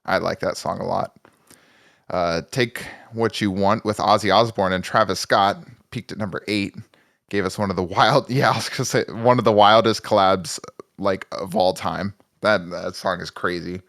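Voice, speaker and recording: A man's voice: low-pitched, steady tone, normal speed, gravelly, fairly bright tone, no room sound, studio quality. A man co-hosting a music podcast in casual chat, joking and self-mocking, rambling with restarts. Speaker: podcast co-host.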